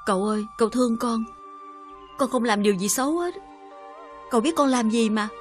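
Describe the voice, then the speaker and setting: A woman's voice: a little high, fairly quick, faint music behind, natural voice. An actress with a Southern Vietnamese accent playing a troubled young wife who pleads politely with her mother and uncle. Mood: pleading.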